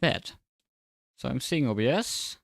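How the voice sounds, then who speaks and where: A man speaking with braces that make his S sounds slightly off, chatting casually and commentating on a livestream in a low-key, dryly sarcastic way. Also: lively intonation, unhurried, gravelly, a bit bright, no room sound, clean studio sound. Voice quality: slightly slurred, odd S sounds from new braces. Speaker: livestreamer and sim racing commentator.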